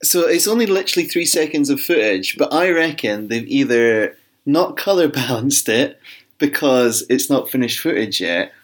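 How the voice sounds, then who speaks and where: Bloke on a podcast, chatty, talking through his theory. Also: medium pitch. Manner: chatty, lays out fan theories. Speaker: podcast co-host. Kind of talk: casual chat.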